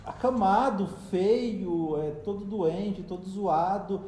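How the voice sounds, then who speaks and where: A Brazilian man with a fairly high voice chats on a podcast in a campy, dramatic way, sounding exasperated as he tells his stories. The room gives his voice a noticeable echo. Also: takes it slowly, warm tone. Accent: Brazilian Portuguese. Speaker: podcast host. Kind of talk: casual podcast chat. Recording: roomy echo.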